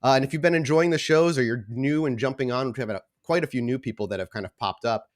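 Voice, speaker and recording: Speaking fast in a medium-pitched voice, this man is the host and storyteller of an actual play podcast for a tabletop roleplaying game. He opens with casual announcements before slowing into scene-setting narration.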